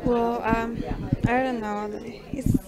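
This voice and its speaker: A woman's voice: on the high side, little pitch movement, slow. A young woman answering interview questions hesitantly, with many fillers and giggles, at an indoor event. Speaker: model interviewee. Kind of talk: nervous casual answers. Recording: noisy crowd chatter behind.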